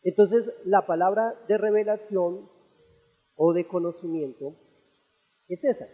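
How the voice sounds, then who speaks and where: A Colombian man preaching as pastor, teaching earnestly and rising to loud, fervent passages. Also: high-pitched, measured pace. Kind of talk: sermon. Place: church auditorium. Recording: echoey church hall.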